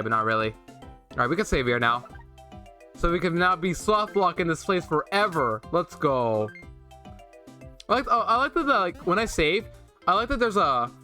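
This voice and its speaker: A man's voice: fairly high pitch, bright, forceful tone. A young man streaming a video game, rambling playfully and chatting with his viewers. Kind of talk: casual game-stream commentary.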